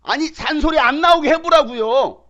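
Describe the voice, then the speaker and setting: A man preaching a sermon as pastor, emphatic, swinging between loud bursts and quiet asides, acting out quoted voices. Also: very high-pitched, normal speed, highs cut off. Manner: acts out quoted dialogue in changed voices.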